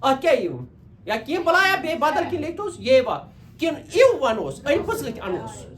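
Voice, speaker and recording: A man's voice: extremely high pitch, huge pitch swings, a little slow, fairly bright tone. A man teaching English grammar to a class, repeating points and quizzing his students. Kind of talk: classroom lecture.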